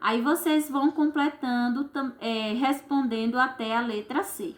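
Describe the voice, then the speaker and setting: A woman's voice: high voice, fairly even intonation. A woman teacher, patiently walking children through textbook exercises step by step. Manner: slow, patient, step-by-step, frequent "certo?".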